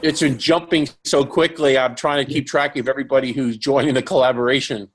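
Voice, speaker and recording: A man hosts a live online webinar in a mid-range voice. He rambles casually, restarts sentences often and fills pauses with "uh" and "um". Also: mid-range voice, fairly even intonation. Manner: rambling, many fillers and restarts. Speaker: webinar host.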